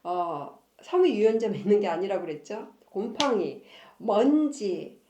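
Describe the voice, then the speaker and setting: A woman's voice: medium pitch, very animated, unhurried, mellow, a little hiss or hum. A woman who hosts a family-counseling channel, chatting casually about marriage and reading from her own book, laughing often between sentences. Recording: echoey room.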